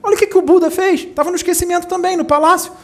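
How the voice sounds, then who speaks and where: A spiritual teacher gives a talk to a small group, telling stories animatedly and acting out the voices of the people in them with big jumps in pitch. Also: very fast, creaky. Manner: animated storyteller, acts out quoted voices with big pitch leaps.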